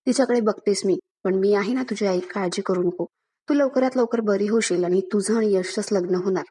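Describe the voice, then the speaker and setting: A woman's voice: mid-range voice, fairly quick, mellow, breathy edge, lightly acted. Woman reading a harsh scolding mother.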